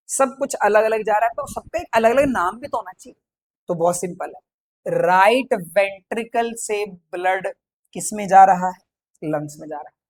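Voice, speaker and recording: Teacher, male, playful quiz style, rapid question-and-answer patter for exam prep. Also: high-pitched, fairly bright tone. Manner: quizzes by asking questions and answering them himself; playful, chatty, mixes English terms into speech. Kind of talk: exam-prep science lecture.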